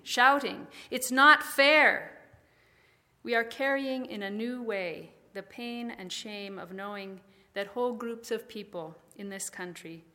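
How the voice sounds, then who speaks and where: A woman preaching a calm, measured sermon and guiding listeners through slow breathing exercises. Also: medium pitch. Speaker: pastor.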